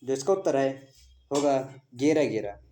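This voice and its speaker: Male teacher, mellow tone, drills exam questions, repeats key answers back. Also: mid-range voice, lively intonation, moderate pace, a little hiss or hum. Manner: quizzing, reads options then gives answers; repeats key words as a question to stress them. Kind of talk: exam practice lesson.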